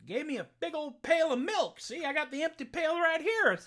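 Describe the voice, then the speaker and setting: A storyteller voicing Jack, an earnest, simple-minded young farm boy who talks in a whiny, halting way. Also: high-pitched, animated, a bit bright, pitched above the performer's own voice.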